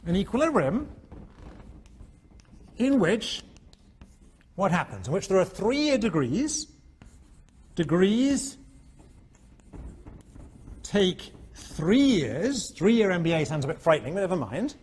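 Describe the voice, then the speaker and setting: A male economics professor giving a university lecture, animated and constantly checking in with his students. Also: high voice, a little slow, long pauses, husky. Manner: animated, keeps checking in with "all right?". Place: lecture hall.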